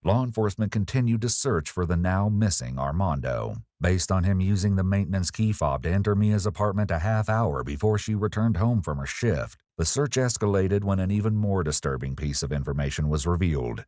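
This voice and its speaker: A man narrates a true-crime story from a script, keeping a measured, ominous delivery. His voice sits very low, and the recording is dry with no room sound. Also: lively intonation, a little mellow, no room sound. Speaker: documentary narrator.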